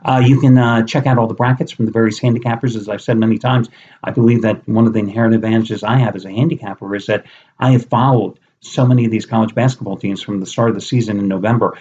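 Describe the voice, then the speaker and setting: A man's voice: on the low side, a little mellow. A middle-aged man, a sports handicapper, gives a blunt, conversational betting preview with some mild swearing. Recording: slightly dull lo-fi recording.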